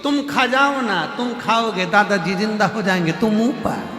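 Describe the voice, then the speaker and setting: A man's voice: sits high, moderate pace, a bit bright, pitched above the performer's own voice. Brief: pleading small grandson, voiced by a male preacher, childlike, long hall reverb. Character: cheeky little grandson, boy, pleading.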